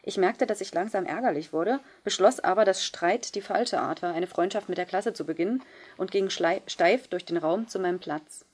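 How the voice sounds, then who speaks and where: A woman reading a first-person novel aloud in a measured, subdued way. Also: fairly low pitch, darkish tone. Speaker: audiobook reader. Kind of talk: scripted first-person narration.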